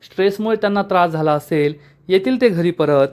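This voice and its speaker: A man's voice: high-pitched, brisk, darkish tone, smooth, close to an everyday voice. A man voicing a teasing, joking young husband from a TV serial. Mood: coaxing. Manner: teasing, wisecracking.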